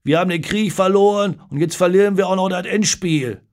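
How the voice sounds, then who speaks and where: A man's voice: sits high, a little fast, pitched above the performer's own voice, close to an everyday voice. A man doing a bitter pub regular. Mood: despairing. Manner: loud, despairing outburst.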